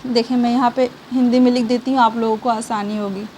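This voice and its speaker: Patient high-voiced woman teaching reading. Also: steady tone, fairly quick, warm tone, a little hiss or hum. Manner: patient, repeats questions and answers for learners; reassuring, checks in with frequent okays. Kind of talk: step-by-step online lesson.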